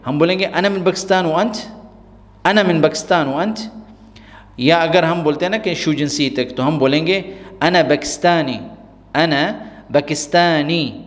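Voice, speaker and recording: A man, teaching a spoken-language lesson and repeating example phrases slowly and deliberately. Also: a little high, big-room sound. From Pakistan. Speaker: Arabic teacher.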